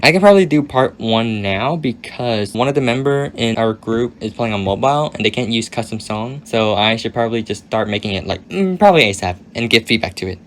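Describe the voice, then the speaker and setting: A young man with a raspy voice answering viewer questions in a casual, hedging monologue that often trails off. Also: mid-range voice, a little hiss or hum.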